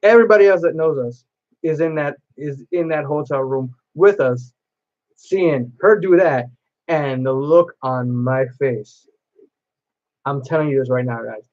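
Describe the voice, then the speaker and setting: A man's voice: a little high, measured pace, dull audio. A man chatting to camera as a cosplay vlogger, telling a long personal story in a rambling way with many restarts.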